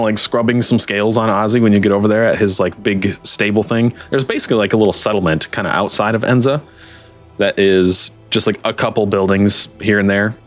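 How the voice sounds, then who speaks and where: Male game master, lower register, casual slangy storytelling, soft music underneath. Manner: informal, chatty, slangy. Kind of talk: casual improvised tabletop game narration.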